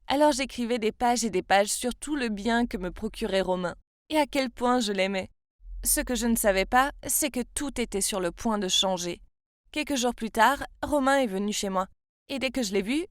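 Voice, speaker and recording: Woman in her twenties from France, brightish voice, confiding storybook narrator, dry close mic. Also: fairly high pitch, dry recording. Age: 20s. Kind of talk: scripted first-person storytelling.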